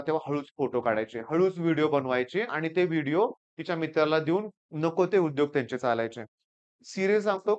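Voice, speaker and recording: A male teacher from Maharashtra giving advice to students through lively storytelling, acting out the people he quotes. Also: fairly high pitch, clear, resonant tone, highs cut off. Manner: animated storytelling, acts out quoted students and seniors.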